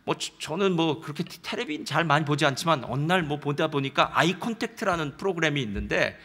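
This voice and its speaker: A male pastor delivers a sermon, often turning to his congregation and acting out spoken dialogue. His voice sits high and bright, and it moves up and down a great deal. He shifts between hushed storytelling and loud, emphatic exhortation. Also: lively intonation, fast talker. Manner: addresses the congregation often, acts out God's words in dialogue.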